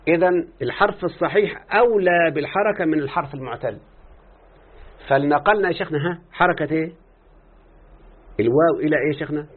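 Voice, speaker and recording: A man's voice: a little high, fast talker, pauses often. A man with an Egyptian accent teaching a grammar lesson, questioning his students as he explains. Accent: Egyptian Arabic. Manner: questioning students, drawing out answers. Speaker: teacher of Arabic morphology. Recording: tinny phone-like recording.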